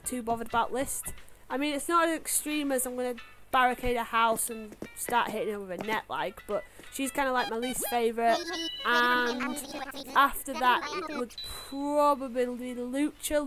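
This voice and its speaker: A young Yorkshire woman talks casually over her game, rambling and filling her sentences with "like". Her voice sits high, and game music plays clearly underneath. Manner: chatty, rambling, lots of "like" fillers. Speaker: gaming YouTuber. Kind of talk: casual gameplay commentary. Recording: music playing behind the voice.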